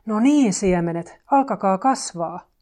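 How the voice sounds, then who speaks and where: Woman reading a fussy anxious little toad, kinda shouty, storybook voice. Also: fairly low pitch, steady tone, close to an everyday voice. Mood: shouting. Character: fretful impatient toad or frog, small, anxious.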